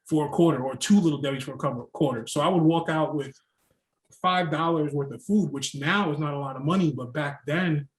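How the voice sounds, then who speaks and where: A man in his 30s, a guest on a casual podcast, tells stories in a rambling way and fills his speech with "like." His voice sits fairly high and he talks fairly quickly. The recording has a roomy echo.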